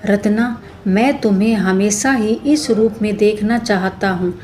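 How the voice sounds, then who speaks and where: Woman narrator voicing a middle-aged family man, earnest, mid-pitched, lightly put on. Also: unhurried, warm tone, a little hiss or hum, natural voice. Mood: fond. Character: grieving then loving husband, middle-aged man.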